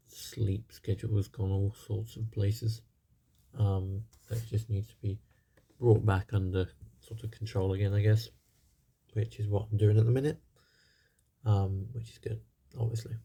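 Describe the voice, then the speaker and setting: A man's voice: on the low side, warm tone, husky. A young man, slightly tired, giving casual, rambling commentary over a strategy game with lots of fillers. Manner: rambling, many fillers and hedges. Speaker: gaming channel host.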